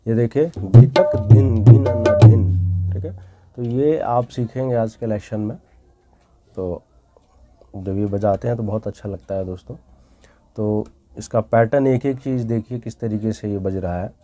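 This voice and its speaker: A man's voice: fairly low pitch, moderate pace, warm tone, soft background music. A young man teaching tabla in a friendly way, addressing his viewers as friends and reciting drum syllables. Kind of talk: online music lesson. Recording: tabla playing behind the voice.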